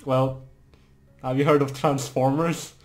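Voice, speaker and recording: A man's voice: medium pitch, level tone, a little slow, slight background noise. A young man joking and teasing his friends during a game, giggly and playful. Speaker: co-host gamer. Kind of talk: casual gaming banter.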